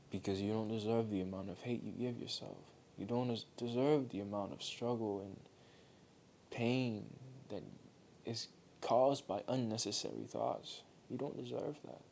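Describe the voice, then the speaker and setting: A man with a fairly low, gravelly voice gives a heartfelt motivational monologue at normal speed with fairly even intonation. He speaks earnestly and gently, circling back to repeat key phrases, while a faint low rumble sits behind the recording.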